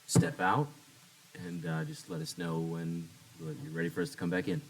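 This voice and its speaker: A man's voice: medium pitch, sing-song, moderate pace, vocal fry, low-quality recording. A man facilitating a bargaining meeting, brief and practical, moving things along. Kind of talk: procedural meeting talk.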